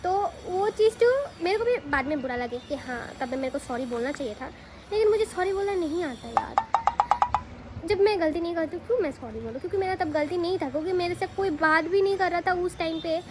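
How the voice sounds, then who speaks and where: This casual to-camera story comes from a young vlogger in Assam, India, whose pitch is extremely high. She's animated and chatty, repeatedly tossing quick rhetorical asides to her listener, while a clear background hiss fills the recording.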